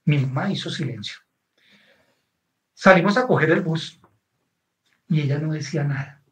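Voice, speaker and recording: A man's voice: a little high, moderate pace, poor audio. A man with a Colombian accent, a guest author telling a personal story in conversation and often checking in with his listener. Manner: animated, keeps checking in with the listener.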